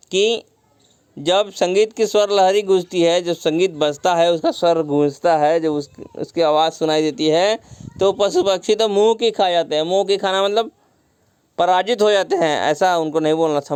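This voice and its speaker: A man's voice: sits high, moderate pace, darkish tone, clear, resonant tone, dry recording. A man teaching a story lesson, retelling each line and glossing words with simple synonyms, mixing in English words. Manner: mixes English words into the explanation.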